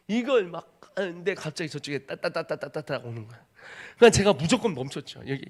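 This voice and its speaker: A man in his thirties, a missionary preacher, telling a personal testimony in a sermon with dramatic storytelling, dropping to a hush and rising to shouts. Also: high-pitched. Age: 30s. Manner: dramatic storytelling, acts out voices, swings from hushed to shouting.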